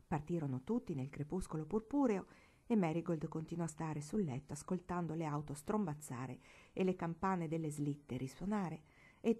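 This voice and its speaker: A woman reads a novel aloud with expressive, lively storytelling in an audiobook narration. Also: lowish voice. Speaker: audiobook reader.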